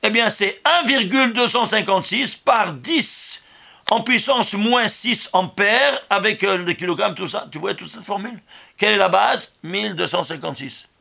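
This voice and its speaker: Speaking with a high, gravelly voice at a moderate pace, a male rabbi offers Torah commentary built around number interpretation. He presses his points emphatically, hitting words loudly and frequently posing rhetorical questions.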